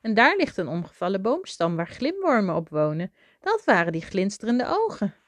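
A woman voicing a friendly, helpful male rabbit in a children's storybook, with a bright, hearty voice. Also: medium pitch, huge pitch swings, normal speed, no echo. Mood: amused.

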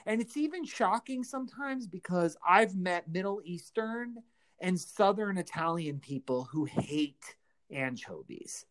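A woman co-host with a lively, swooping voice tells stories with plenty of emphasis. She jokes and leans hard into her points. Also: lowish voice, measured pace. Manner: animated storyteller, emphatic and jokey. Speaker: podcast co-host. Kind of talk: casual chat.

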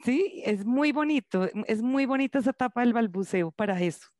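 A woman in a casual discussion who speaks in a gentle, affirming way. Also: a little high, lively intonation, moderate pace, no room sound, clean studio sound.

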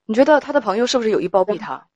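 A call-in advice host who steers the caller with measured, searching questions. The voice sits at an ordinary pitch. The sound is dry, with no room echo. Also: expressive, a little mellow, muffled recording. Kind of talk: call-in counseling talk.

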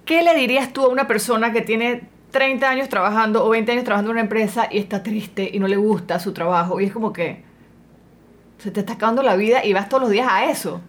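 A woman's voice: fairly high pitch, fast talker. A woman hosting a casual interview, affirming and chiming in with agreement as she asks questions. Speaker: interview host.

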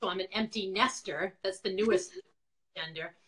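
This former nonprofit founder, a chatty middle-aged woman from Quincy, Massachusetts, speaks with a Boston accent as she recounts her story as an interview guest on an indoor video call. Her medium-pitched voice is a bit bright with a breathy edge, at a moderate pace.

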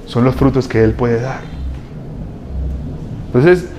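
A man preaching a sermon as a pastor, telling lively, humorous stories full of slang. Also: medium pitch, slow pace, a little hiss or hum.

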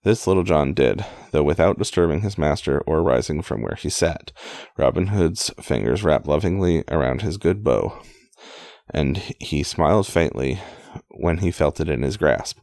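Casual male reader, very low and gravelly, halting, with offhand asides. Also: animated, darkish tone, dry recording, clean studio sound. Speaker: amateur reader. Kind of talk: casual read-aloud storytelling.

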